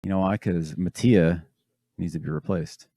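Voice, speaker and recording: A man's voice: sits low, fairly even intonation, moderate pace, warm tone, no room sound, studio quality. A man co-hosting a casual race-watching chat, blunt and sardonic, swearing now and then. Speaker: podcast co-host.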